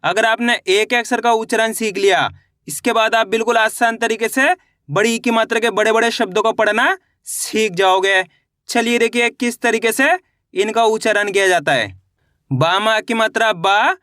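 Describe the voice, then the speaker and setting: A man teaching a beginner's reading lesson, sounding out syllables slowly and asking the learner to repeat after him. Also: sits high, bright, forceful tone, dry recording, clean studio sound. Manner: slow, drawn-out syllable-by-syllable spelling with repeated checks.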